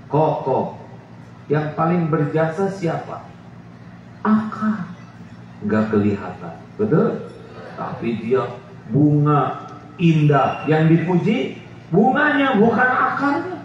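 A middle-aged man preaches slowly on an outdoor stage, fairly high-voiced and full of teasing questions for his listeners. His microphone voice comes through a PA system, so it sounds distant, echoey and dull. A faint hiss of noise sits underneath. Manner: lively, jokey, asks the crowd questions. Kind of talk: outdoor sermon. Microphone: handheld mic, far camera.

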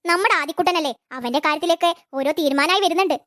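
A performer voicing a fond, gentle elderly grandmother in an animated family cartoon. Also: extremely high pitch, very fast.

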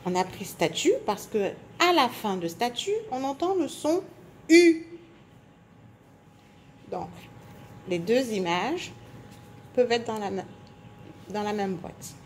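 A woman teacher giving a phonics lesson to young children, speaking slowly and clearly articulating, stretching out sounds and syllables. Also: mid-range voice, lively intonation, slight background noise. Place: indoors at a table.

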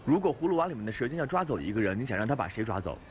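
A man asking people questions on the street in a quick, playful way. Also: medium pitch, very animated, a little hiss or hum. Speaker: street interviewer. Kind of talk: vox-pop questions.

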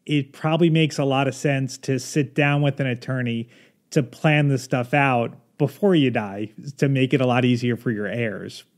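A man's voice: mid-range voice, normal speed. A man hosting a podcast, giving brief agreeing replies and summing up the guest's points. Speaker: podcast host. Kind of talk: casual interview chat.

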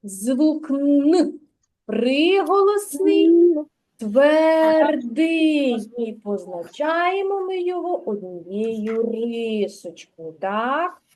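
A woman teaching a literacy lesson to small children over a video call, in slow, clear and encouraging speech. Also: on the high side, very animated, darkish tone, low-quality recording. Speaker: kindergarten teacher.

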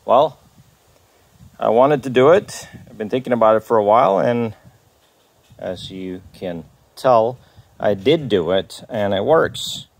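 Gravelly man doing a DIY walkthrough. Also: fairly low pitch, expressive, a little slow, long pauses, a little mellow. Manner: rambling, self-correcting, plain-spoken. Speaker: DIY video maker. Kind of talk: casual how-to walkthrough. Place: outdoors on a paver driveway.

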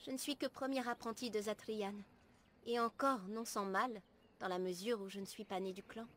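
A woman playing an earnest, gentle young elf apprentice in a video game, speaking formally and in measured, literary phrases. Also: medium pitch, fairly even intonation, slight background noise, lightly acted. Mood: earnest, resigned. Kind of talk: video game dialogue acting. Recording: music behind the voice.

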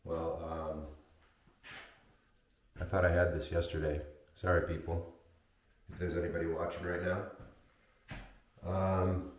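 A man livestreaming from his home darkroom, talking in a rambling, apologetic way with many fillers, his voice carrying a heavy booming room echo from the camera's built-in mic. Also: level tone, unhurried, pauses often. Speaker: photographic printmaker livestreaming. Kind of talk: casual live stream chat. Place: home darkroom workspace with sink. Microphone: camera's built-in mic, wireless mic failed.

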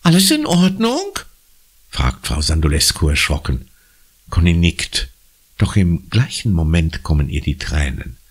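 A man narrating a children's audiobook with expressive storytelling. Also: rumbling low, a little slow, breathy edge. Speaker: audiobook reader.

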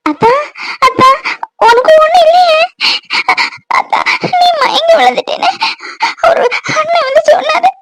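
A woman voicing an emotional, affectionate young wife in a cartoon, tearful and excitable. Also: very high-pitched, very noisy. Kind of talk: Tamil cartoon voice acting.

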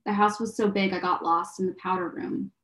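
A woman in her thirties, from California, reads her poetry in a calm, measured voice at a middling pitch. She is on a video call from her home, picked up by the laptop's microphone. The room around her sounds noticeably roomy. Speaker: poet. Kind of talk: poetry reading. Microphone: laptop webcam mic, video call.

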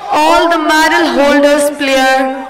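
A woman making public address announcements over a PA system at a sports event, calling out slowly and repeating herself. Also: sits high, steady tone. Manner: slow, repetitive call-outs. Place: large indoor sports arena. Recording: echoey PA heard from far off. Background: loud crowd and hall noise.

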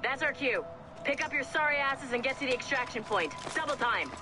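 A tough female strike-team officer from a video game. She is brusque and commanding, with a slightly high voice. Music runs behind her. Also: animated, brisk. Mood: urgent, commanding. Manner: clipped, commanding.

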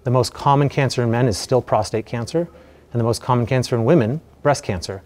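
A man's voice: medium pitch, darkish tone. American man lecturing through a face mask, slightly muffled. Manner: measured, explanatory. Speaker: radiation oncologist giving a lecture. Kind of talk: educational medical presentation. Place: indoor presentation room. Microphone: lapel mic.

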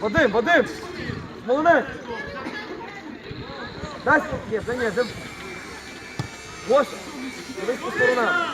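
Lively coach voice over a crowd. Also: high voice, slow, pauses often, over loud music. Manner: calls players by name and gives calm directions. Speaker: youth football coach. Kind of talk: coaching from the touchline. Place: outdoor football pitch.

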